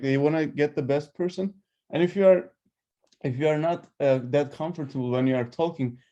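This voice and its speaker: A man with a mid-pitched voice coaches listeners informally. He speaks English as a second language. His delivery is conversational and halting, thinking aloud and giving examples as he goes. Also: mellow. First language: not English. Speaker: speaker giving career advice. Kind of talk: informal unscripted coaching talk.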